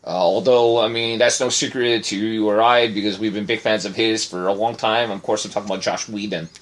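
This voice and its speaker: A married adult man co-hosts a casual podcast, rambling through the news with plenty of fillers and restarts. His voice sits fairly low, his intonation stays fairly even, and he talks briskly.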